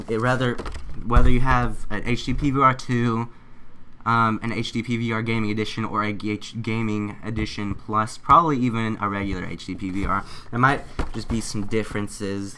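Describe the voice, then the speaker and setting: A man giving a casual unboxing and setup tutorial, excitable and chatty, often poking fun at himself. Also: on the low side, a little hiss or hum. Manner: excitable, chatty, self-mocking. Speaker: gaming YouTuber.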